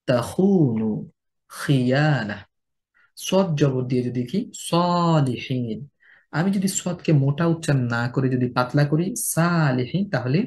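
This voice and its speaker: A man with a Bangladeshi Bengali accent, teaching a tajweed lesson. He repeats letter sounds slowly and contrasts correct and wrong pronunciations. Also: mid-range voice, darkish tone. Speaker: Quran recitation teacher.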